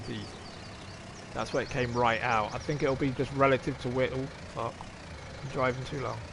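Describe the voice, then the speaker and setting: A man's voice: mid-range voice, noisy background. A man live-streaming a farming game, thinking aloud, chatting to viewers and swearing casually as he plays. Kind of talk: casual live-stream chat while playing.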